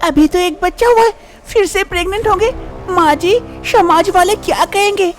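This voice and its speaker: A woman playing a high-voiced young daughter-in-law. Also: normal speed, faint music behind. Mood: shocked. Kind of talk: animated drama voice acting.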